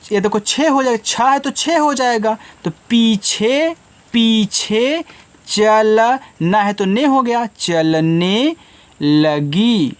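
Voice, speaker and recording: A man teaching children to read, breaking each word into its syllables before saying it whole. He speaks very slowly and deliberately, with frequent gentle prompts to the children. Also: sits high. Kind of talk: slow Hindi reading lesson for children.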